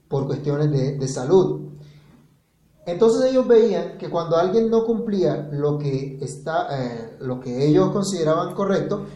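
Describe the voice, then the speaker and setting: A man's voice: fairly high pitch, warm tone, reverberant, poor audio. A man preaching a sermon, reading verses aloud and putting questions to his listeners.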